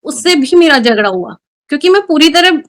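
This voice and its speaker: High-voiced woman telling a personal story. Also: lively intonation, brisk. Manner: emotional, earnest storytelling with Hindi-English mixing. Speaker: guest. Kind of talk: personal testimony interview.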